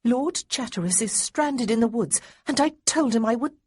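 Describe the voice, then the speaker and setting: A woman's voice: a little high, expressive, moderate pace, a little mellow, slightly rough, voice pushed up. A woman voicing a breathless young lady who urgently pleads with the people around her. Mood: pleading. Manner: pleading, insistent.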